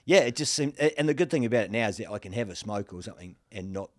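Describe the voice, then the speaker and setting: Forties guy hosting a podcast, low-ish voice, chill storyteller, swears a lot, dry close sound. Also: quick pace, no echo. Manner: relaxed storyteller, swears casually. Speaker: podcast host. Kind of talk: casual chat.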